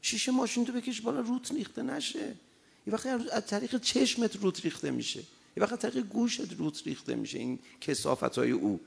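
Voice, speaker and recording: A man preaching a sermon, passionate, moving between loud urging and quiet storytelling. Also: sits high, lively intonation, gravelly. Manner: impassioned, swings from loud exhortation to quiet anecdote. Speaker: cleric.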